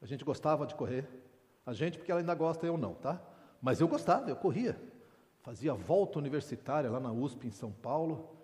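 A man's voice: a little high, lively intonation, a little fast, a little mellow. A middle-aged man, preaching informally to a men's meeting with candid humorous asides. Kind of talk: conversational sermon. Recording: long reverb in a large hall.

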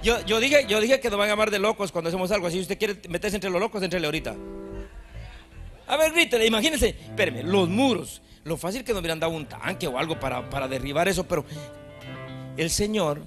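High-voiced preaching pastor. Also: male voice, fast talker, soft background music. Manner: animated preaching, shouts to the congregation. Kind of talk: sermon.

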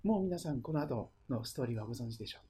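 A pastor preaching a sermon and retelling the story, often letting phrases trail into a hush. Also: mid-range voice, lively intonation, racing, slightly rough.

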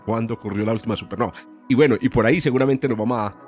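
A man's voice: medium pitch, very fast, darkish tone, faint music behind. A man hosting a podcast in a casual, educational style, like a professor chatting. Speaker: podcast host, physics professor. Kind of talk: casual, educational science chat.

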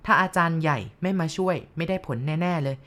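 A woman voicing an elderly Chinese spirit medium who speaks slowly and deliberately in a storybook reading. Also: lowish voice, animated, fairly bright tone. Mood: pleased.

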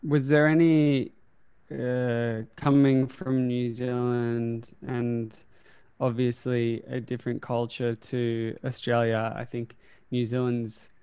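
Male interviewer, crisp and level delivery, conversational, reflective and probing. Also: mid-range voice, flat delivery, slow pace, mellow, no echo. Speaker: interviewer, podcast host.

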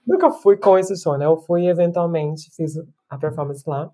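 A woman's voice: deep voice, normal speed, dark tone. A woman in her thirties, a musician and performer, talking reflectively in an interview with restarts and tag questions. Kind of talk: casual interview talk.

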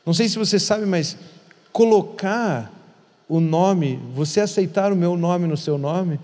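A man's voice: high-pitched, unhurried, darkish tone. A man who is a pastor, teaching in an earnest conversational way and repeating words for emphasis. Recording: long hall reverb.

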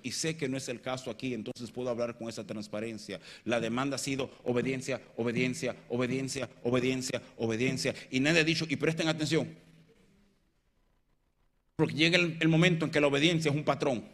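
A man preaching a sermon, swinging between loud emphatic peaks and quiet low passages and joking with his congregation. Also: fairly quick. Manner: jokes and banters with the congregation.

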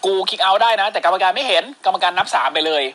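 A man's voice: high voice, very fast, pushed and bright. A man with a Thai accent co-hosting a podcast, recapping wrestling in crude, joking casual chat and acting out lines. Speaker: podcast co-host.

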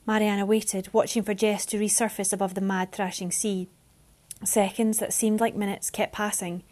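A woman reads a novel chapter aloud in a mid-pitched voice. Her narration is steady and expressive. She moves through the story at an even pace. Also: moderate pace. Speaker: reader.

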